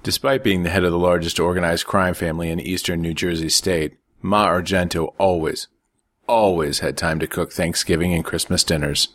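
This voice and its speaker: Deep guy reading a crime story, steady, dry mic. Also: normal speed, no room sound. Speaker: narrator. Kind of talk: scripted story narration.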